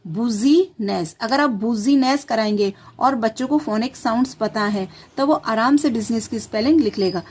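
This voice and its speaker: A woman's voice: high-pitched, a little mellow. A woman hosting a tutorial channel, patiently explaining to parents how to teach children spelling, sounding out words letter by letter.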